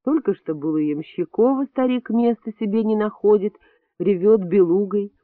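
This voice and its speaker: A man reading an audiobook voices a calm, firm male hospital doctor who speaks quietly and weightily. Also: high-pitched, normal speed, dry recording, voice pushed up, natural voice. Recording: dry, tinny phone-like sound.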